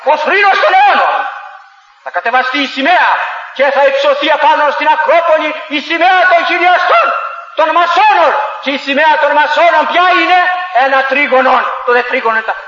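A man preaching a fiery sermon, telling parables and rising to shouts. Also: extremely high pitch, lively intonation. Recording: echoey hall, dull lo-fi.

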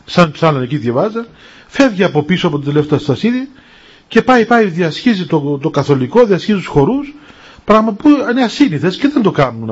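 A man, a monastic elder, giving a spiritual talk and telling stories with acted-out dialogue in an unhurried way. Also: fairly high pitch, slightly rough. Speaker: monastic elder answering questions. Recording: dull lo-fi recording.

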